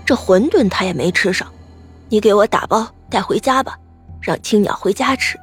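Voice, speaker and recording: A woman's voice: mid-range voice, normal speed, slightly rough, soft background music. A woman voicing an earnest old man who speaks insistently in a storybook reading. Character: earnest old man who talks to his dead grandson.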